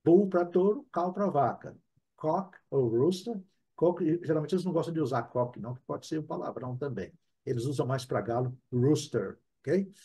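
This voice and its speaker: A man with a Brazilian Portuguese accent teaching a live online English class, chatty and often adding quick tag questions. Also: on the high side, animated, mellow, breathy edge.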